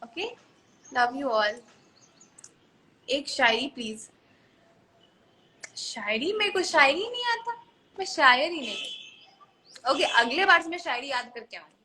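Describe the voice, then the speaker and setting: Young woman live streaming on her phone, playful chatty hindi-english mix, bright high voice. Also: expressive, slow, long pauses, slight background noise. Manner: chatty, playful, mixes Hindi with English, frequent fillers and laughs. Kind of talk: casual live-stream chat with viewers.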